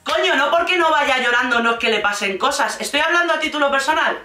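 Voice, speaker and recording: A woman with a Spain Spanish accent delivers casual, blunt reaction commentary, swearing freely and mocking as she goes. Her voice is bright and sharp. It sits a little away from the mic in a roomy, echoey room. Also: sits high, lively intonation, quick pace, far from the mic. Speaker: reality TV commentator.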